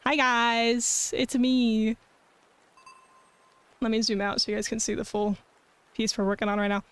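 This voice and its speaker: A woman streamer and artist hosts a cozy art stream, chatting casually with her live viewers in a cute, bubbly anime-streamer style. Her voice is fairly high, though her delivery is flat and measured. The recording has no room sound.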